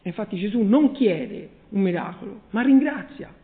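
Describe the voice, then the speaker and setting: A man's voice: sits high, lively intonation, moderate pace, vocal fry. A man preaching a sermon, reading scripture and asking his listeners rhetorical questions. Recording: echoey hall, phone-like tinny sound.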